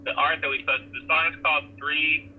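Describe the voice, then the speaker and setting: A man's voice: on the high side, steady tone, brisk. A man talking on a hands-free Bluetooth phone call while driving, laid-back and full of fillers and restarts as he answers interview questions. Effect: Bluetooth phone call from a car. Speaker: touring band member being interviewed. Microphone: car Bluetooth hands-free. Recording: tinny phone line with faint noise.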